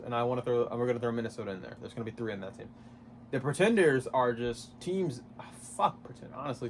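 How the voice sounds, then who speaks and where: A man's voice: mid-range voice, slight background noise. A man vlogging about basketball, rambling casually, swearing and correcting himself as he goes. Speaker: basketball YouTuber. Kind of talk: casual sports commentary vlog.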